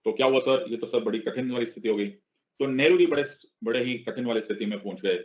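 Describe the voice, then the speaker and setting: A male teacher giving an online exam-prep lecture. He mixes Hindi and English, drills the class with repeated questions, makes playful asides, and slows down to stress each word when reading legal text. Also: mid-range voice, a little mellow, lo-fi sound.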